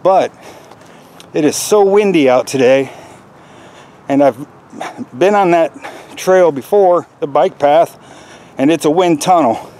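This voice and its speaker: A middle-aged American man chatting casually to viewers in an unhurried way while walking outdoors, recorded on a built-in microphone with wind noise. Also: fairly high pitch, a little mellow. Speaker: hiking vlogger. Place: outdoors in a windy wooded park. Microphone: camera's built-in microphone while walking. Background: wind, faint outdoor noise.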